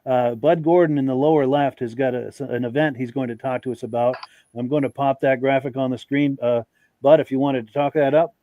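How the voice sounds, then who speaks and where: Brisk man hosting a live podcast. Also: mid-range voice, steady tone, narrow, tinny audio. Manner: brisk reading of viewer shout-outs. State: out of breath. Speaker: podcast host. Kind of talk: live podcast welcome and chat.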